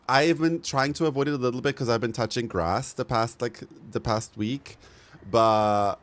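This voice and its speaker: Streaming a game, a man chats casually and with plenty of slang in a mid-range voice at a moderate pace. Loud background music plays throughout the recording.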